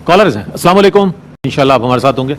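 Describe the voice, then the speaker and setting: A man's voice: medium pitch, expressive, a little hiss or hum. A man hosting a religious call-in show, introducing callers and answering the guest with short affirmations. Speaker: show host.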